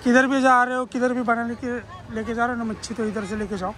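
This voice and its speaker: Filming himself at arm's length on a phone, a twenty-something travel vlogger chats casually to viewers about prices and places on a road trip. His voice is extremely high-pitched, steady, quick and a bit bright. Scenes shift between markets, the beach, a car and a room, with noisy outdoor audio.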